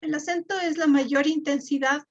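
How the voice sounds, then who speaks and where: A woman's voice: high-pitched, steady tone, normal speed. A woman, teaching a live online class and explaining step by step with fillers and repeated words. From Ecuador. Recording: dull lo-fi.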